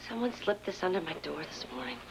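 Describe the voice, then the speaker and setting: A scheming soft-spoken nanny. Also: female voice, deep voice, lively intonation, quick pace, vocal fry, very noisy. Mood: coaxing. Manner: hesitant, coaxing, falsely modest. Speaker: nanny in a soap opera. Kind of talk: 1980s daytime soap acting.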